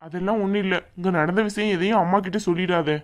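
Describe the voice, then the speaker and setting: A woman's voice: on the low side, fast, close to an everyday voice. A woman voicing an earnest young groom. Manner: firm, scolding, protective of his sister. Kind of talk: cartoon voice acting.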